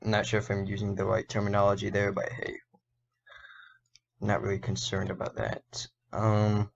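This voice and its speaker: A man explaining an animation as a casual tutorial, thinking aloud and correcting himself, his voice a little hoarse. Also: on the low side, monotone, normal speed, slight background noise. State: slightly hoarse. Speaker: indie game developer and animator. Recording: dull lo-fi recording.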